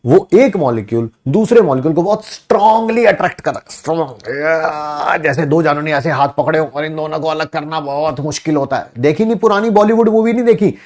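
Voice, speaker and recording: A man's voice: fairly high pitch, a little fast, hardly any pauses. A male teacher giving a classroom lecture, joking and quizzing his class. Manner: animated, jokey, asks class questions.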